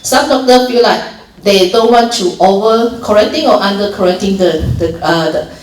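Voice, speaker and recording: A medium-pitched woman with a Malaysian accent guides volunteers through a training session informally, explaining steps plainly with many restarts and fillers. She sounds distant from the microphone, surrounded by the echo of a roomy hall.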